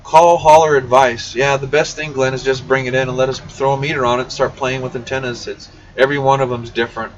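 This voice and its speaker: A man speaks quickly, with hardly any pauses, in a level mid-range voice while hosting a CB radio shop's casual livestream Q&A. Reading viewer questions aloud, he addresses the audience directly in a blunt, informal way. The recording is dull and distant, with faint background noise.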